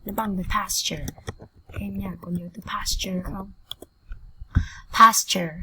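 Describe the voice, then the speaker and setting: A woman English teacher with a Vietnamese accent, repeating vocabulary words slowly for students to copy and explaining them. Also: mid-range voice, steady tone, sharp tone, a little hiss or hum. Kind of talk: vocabulary pronunciation drill.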